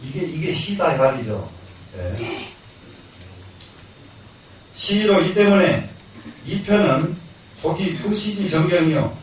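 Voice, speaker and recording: This older Buddhist monk's voice is high and expressive, unhurried and marked by long pauses, with a little hiss or hum in the recording. Lecturing in a Jeolla Korean accent, he repeats key lines, questions and answers himself, and chuckles at times. He sounds far from the mic in an echoey hall.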